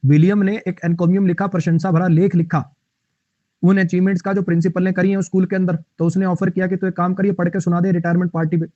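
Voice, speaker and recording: A man's voice: high voice, flat delivery, fast, dark tone, no room sound, dull audio. A male teacher explaining English vocabulary in Hindi in an online class, repeating himself and chatting with viewers.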